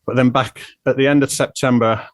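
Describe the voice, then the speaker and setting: A man's voice: medium pitch, steady tone, a little fast, dry recording. A British man in his forties hosting a podcast, talking candidly and reflectively about his own past. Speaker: podcast host. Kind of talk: conversational podcast intro and interview.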